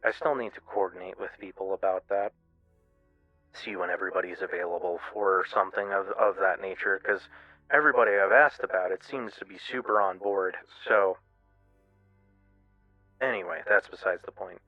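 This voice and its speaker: A man giving a candid, casual personal monologue as a streamer, in a halting, self-reflective way. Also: sits low. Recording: muffled, roomy lo-fi radio-like sound, music behind. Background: music.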